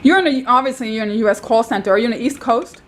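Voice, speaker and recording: A woman's voice: fairly high pitch, racing, background noise. A woman calling tech support, talking in a rambling, insistent way and repeating herself. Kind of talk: phone call recorded by caller.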